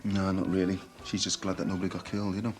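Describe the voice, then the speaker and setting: An actor playing an easy-going working-class groom with a Liverpool accent who jokes and laughs along. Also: male voice, low-pitched, level tone, fast, faint music behind, natural voice. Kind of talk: TV soap acting.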